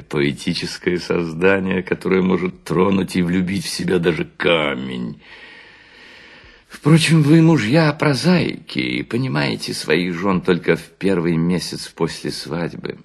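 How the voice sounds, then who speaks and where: Playing a worn-out, balding seducer, an actor suavely lectures on his sly craft in a theatrical literary monologue, savoring each word and humming between them in a mood of effusive flattery. His low, creaky voice is exaggerated and a little slow, with lively intonation.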